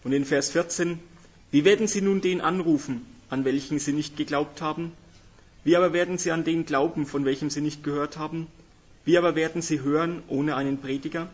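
A man's voice: fairly high pitch, steady tone, fairly quick. A man interpreting a sermon phrase by phrase, sometimes correcting himself mid-sentence. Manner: renders each phrase right after the speaker, with fillers and self-corrections. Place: church hall in the evening. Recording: dull lo-fi sound.

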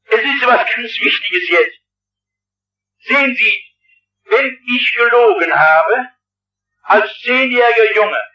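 A man's voice: very high voice, bright, forceful tone, lo-fi sound. A man preaching a sermon as a pastor, impassioned and often crying out, in an old distant hall recording. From partly Swabian. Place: large hall with audience.

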